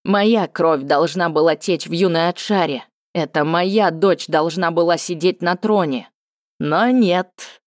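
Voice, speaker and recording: A woman's voice: measured pace, no room sound, clean studio sound, natural voice. Woman voicing a bitter vengeful cat-lord. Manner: cold, low and hissing with hatred. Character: bitter vengeful male cat-folk lord, middle-aged.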